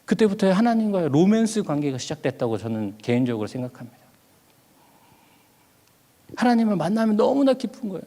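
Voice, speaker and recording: A middle-aged man preaches in a church sanctuary, sharing a personal story and performing his own past words. His high-pitched, mellow voice swings widely in pitch, moves a little fast, and pauses often, with long hall reverb around it.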